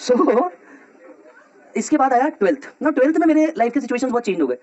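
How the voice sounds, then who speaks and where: A male teacher telling a personal story to his students in a lively, slangy way with frequent laughs. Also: very high-pitched, a little fast, dull audio. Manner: animated, slangy, laughs often.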